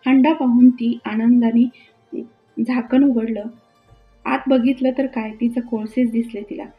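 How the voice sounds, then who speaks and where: A woman narrating a devotional folk tale in a steady, plain-spoken way. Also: a little high, unhurried, narrow, tinny audio, soft background music. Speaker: storyteller.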